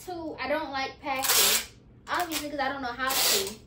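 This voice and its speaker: A very noisy recording captures a woman in her twenties casually vlogging in a home nursery, talking to a camera on the floor as she packs boxes and sorts clothes. She speaks at normal speed with a high-pitched voice.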